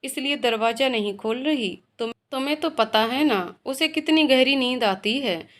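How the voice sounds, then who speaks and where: A woman's voice: high voice, moderate pace, close to an everyday voice. A woman voicing a caring but firm mother-in-law in a spoken storybook. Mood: motherly.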